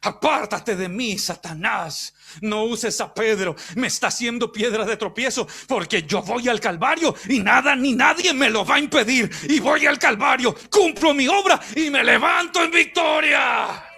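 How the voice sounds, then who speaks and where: A man's voice: sits high, measured pace, sharp tone, breathy edge, heavily acted. A man preaching as he voices a wounded, defiant savior who commands others to stop weeping. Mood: commanding. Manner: commanding, declaring victory.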